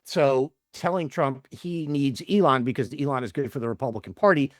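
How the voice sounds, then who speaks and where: A man co-hosts a political podcast, blunt and chatty, often restarting his sentences. His pitch swings in a lively way. The sound is dry and close. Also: no room sound. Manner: animated, halting restarts, blunt. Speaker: podcast co-host. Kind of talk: casual political chat.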